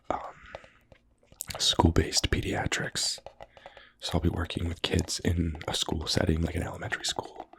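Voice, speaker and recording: A man in his twenties whispering casual, rambling ASMR in a hushed voice, close to the ear. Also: sits low, gravelly. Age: 20s. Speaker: ASMR creator, physical therapy student.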